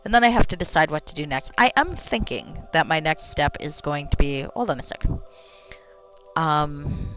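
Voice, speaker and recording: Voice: medium pitch, normal speed, fairly bright tone, faint music behind. A game streamer giving casual, rambling commentary, talking to themself and swearing freely. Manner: sweary, rambling, talks to self. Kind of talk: casual gameplay commentary with some read-aloud game text.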